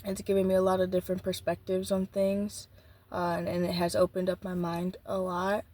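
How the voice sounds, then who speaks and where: A nineteen-year-old woman vlogging an unplanned journaling session outdoors beside a busy street, rambling and reflective, with halting restarts. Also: on the low side, monotone, mellow.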